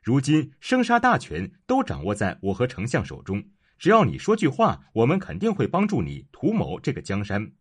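A man voicing a cunning, scheming court official who talks persuasively and insinuatingly, in a husky voice. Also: medium pitch, wildly swooping pitch, moderate pace.

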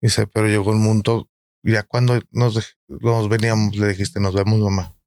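A man casually retelling a friend's eerie story at a slow pace. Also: lowish voice, little pitch movement, darkish tone, no echo, clean studio sound.

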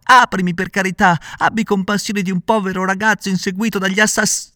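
A man voicing a frightened wooden puppet boy, crying out high and pleading in a storybook reading. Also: lively intonation, a little fast, vocal fry, a bit bright, no room sound, clean studio sound, full character voice.

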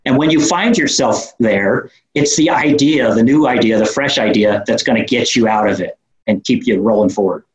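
A man with a New York accent talks like an interview guest who runs a business. His delivery is informal and explanatory, at a middling pitch. The recording has a clearly echoey room sound. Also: moderate pace. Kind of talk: conversational interview answers.

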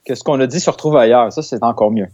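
A mid-pitched man with a Québécois French accent chats on a sports podcast. He is relaxed and often stops and restarts his sentences, and his voice comes through a dull, lo-fi recording. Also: fast talker. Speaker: podcast co-host. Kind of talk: casual sports podcast chat. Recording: dull lo-fi sound.

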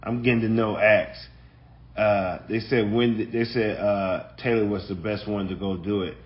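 A man's voice: on the low side, steady tone, unhurried. A man hosting a podcast, giving casual, rambling commentary with fillers. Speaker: podcast host. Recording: dull lo-fi audio.

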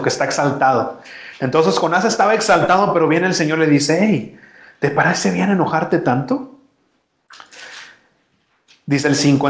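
A man's voice: on the high side, roomy sound. A man preaching a sermon as a pastor, talking conversationally and asking his congregation questions.

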